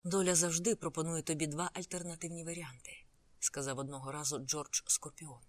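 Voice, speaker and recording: A woman's voice: low voice, steady tone, a little fast, no echo. A woman narrating a novel as an audiobook, reading the characters' lines in her own voice.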